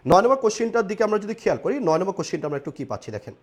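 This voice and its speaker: A young male online teacher with a high voice that leaps around his range. He explains grammar in a lively way, repeats each point and tosses in playful asides to the class. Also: racing. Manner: repetitive, animated, joking asides with students. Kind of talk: live online class lecture.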